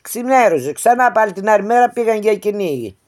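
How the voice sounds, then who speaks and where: A woman's voice: mid-range voice, expressive, darkish tone. A woman with a recounting an old folk tale from memory. Her telling is plain and homely, full of small restarts and repeated "she says" tags. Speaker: storyteller. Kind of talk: oral folk-tale narration.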